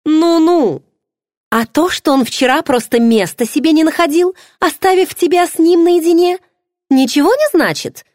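A woman's voice: sits high, normal speed, darkish tone, no room sound, clean studio sound, voice pushed up, natural voice. A woman voicing a playful, nosy young pregnant friend who teases with pushy questions. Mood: teasing. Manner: teasing, bubbly, pushy questions.

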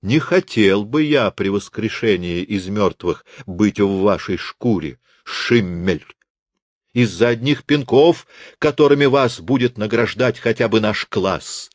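A man's voice: lowish voice, lively intonation, unhurried, no room sound. Man doing a brash, scornful young man. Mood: mocking. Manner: scornful and theatrical. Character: brash young man mocking his old teacher.

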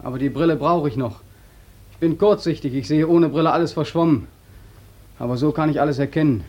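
An actor playing an exhausted young soldier back from the war in a 1940s radio drama, speaking with weary, bitter irony. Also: male voice, a little high, fairly quick, a little mellow, natural voice. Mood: ironic. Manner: bitterly ironic, weary, repetitive address.

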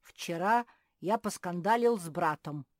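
A woman's voice: fairly low pitch, a little slow, darkish tone, dry recording, studio quality, lightly acted. A woman voicing a cheeky, boastful little boy bear cub, whining and easily muddled, in a storybook reading. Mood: indignant.

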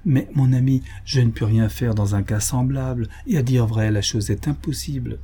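A man reading aloud voices a calm, patient country doctor who refuses gently but firmly, in a measured way. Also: mid-range voice, husky.

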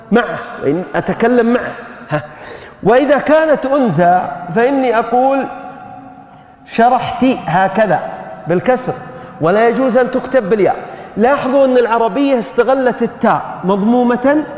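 A man's voice: very high-pitched, a little mellow, roomy sound, big-room sound. A man teaching grammar in a classroom lecture, questioning his students as he explains.

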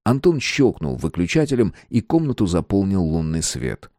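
A man with a low voice narrates an audiobook in a measured, storytelling way. The recording is dry and close, with no room echo at all. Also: huge pitch swings, warm tone. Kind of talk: scripted narration.

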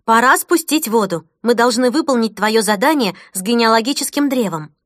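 A woman voicing a harried young mother who scolds briskly, then turns soft and soothing. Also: a little high, expressive, no echo, clean studio sound, natural voice.

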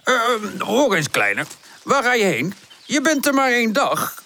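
A man's voice: sing-song, measured pace, sharp tone, heavily acted. A man voicing an absent-minded, wise old fern professor in a children's story. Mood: absorbed. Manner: lower, fussy, professorial.

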